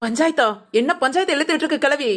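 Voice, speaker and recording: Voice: sits high, rapid-fire, a bit bright. A performer voicing an outspoken young woman in a cartoon, blunt and scornful as she gives her friend orders. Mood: bossy. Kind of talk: cartoon family drama voice acting.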